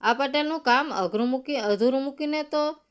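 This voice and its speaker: A woman voicing a poor male farm laborer who talks in a folksy, gently joking way. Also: high-pitched, moderate pace, natural voice. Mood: humble, teasing.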